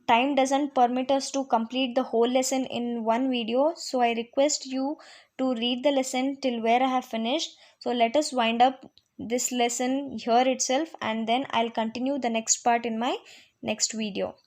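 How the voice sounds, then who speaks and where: A woman with an Indian English accent, teaching a story lesson with slow, repetitive explanations and fillers. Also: on the high side, steady tone, a little mellow.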